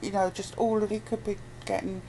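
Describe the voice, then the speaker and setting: Speaking a little fast with a flat delivery, this British woman has a medium-pitched, warm voice. She's an interviewee in a casual chat, blunt and occasionally profane, captured on a noisy amateur recording full of background sound.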